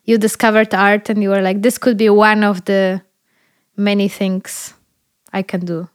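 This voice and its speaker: A woman's voice: medium pitch, little pitch movement, unhurried, clean tone. A woman hosting an interview, asking questions in a tentative, leading way. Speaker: host. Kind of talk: casual conversation.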